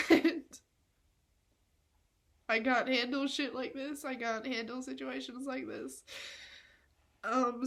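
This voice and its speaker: Tearful young woman, high slow voice. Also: fairly bright tone. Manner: rambling, self-mocking, laughs through tears; swears often. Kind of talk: confessional vlog.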